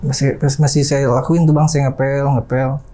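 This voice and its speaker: A man's voice: mid-range voice, level tone, normal speed, warm tone. A young man casually telling a personal ghost story in a chatty way, often calling his listener "Bang" and imitating the sounds he heard.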